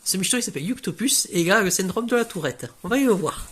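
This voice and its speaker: A woman's voice: mid-range voice, fairly quick, a bit bright, lightly acted. A woman playing a TV street reporter in an amateur comedy sketch, stumbling through questions with many fillers. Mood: interviewing. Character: TV street reporter with a southern accent.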